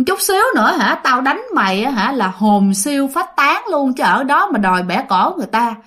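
A woman's voice: high-pitched, very animated, normal speed, a bit bright. Storytelling exorcist, read by a woman: older man, stern and commanding, Southern Vietnamese accent. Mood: scolding. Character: stern older male exorcist monk-teacher.

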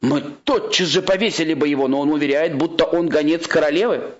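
A man's voice: on the high side, fairly quick, dull audio, voice pushed up, lightly acted. A man reading a storybook and voicing an agitated palace guard giving an urgent report.

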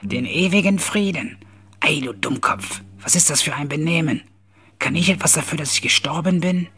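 A man voicing a vain, irascible old male ghost of a lord in an audiobook, pompous and prone to shouting. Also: on the high side, sing-song, normal speed, slightly rough, pitched above the performer's own voice, full character voice. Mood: furious.

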